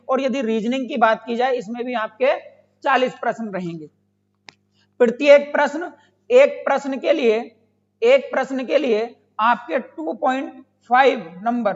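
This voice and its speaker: Heard through dull lo-fi audio, a male exam coach with a very high voice talks his students through the material, repeating himself and posing questions only to answer them on his own.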